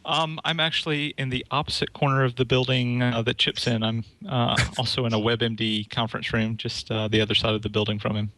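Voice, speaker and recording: A man's voice: mid-range voice, fairly even intonation, brisk, hardly any pauses, bright, forceful tone, no echo, poor audio. A man guest on a podcast speaking from an office conference room, hesitant and using fillers. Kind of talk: casual interview.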